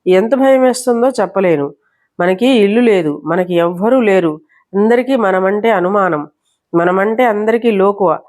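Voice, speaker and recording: A woman's voice: medium pitch, normal speed, darkish tone, close to an everyday voice. Tearful, terrified young woman, helpless and pleading; a woman reads her. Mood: frightened, tearful. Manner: trembling, fearful pleading. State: crying.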